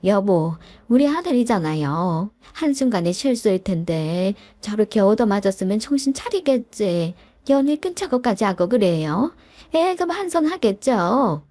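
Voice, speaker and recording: Brief: a woman doing a whiny, doting older mother-in-law, mid-pitched, close and dry. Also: very animated, normal speed, warm tone, no room sound. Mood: whiny defensive. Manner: whiny, defensive pleading. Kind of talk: storytelling with voiced characters.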